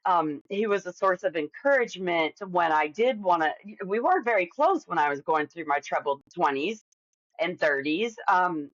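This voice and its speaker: A woman's voice: fairly low pitch, animated, moderate pace, dry recording, lo-fi sound. A woman in her forties, talking candidly and at length as a podcast guest, with lots of fillers and restarts. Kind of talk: casual interview conversation.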